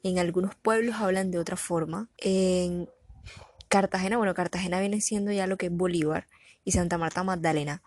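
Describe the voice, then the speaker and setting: A young woman with a Colombian Caribbean coastal accent, chatting in an animated, talkative way. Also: lowish voice, moderate pace, no room sound. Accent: Colombian Caribbean (costeño). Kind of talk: casual chat.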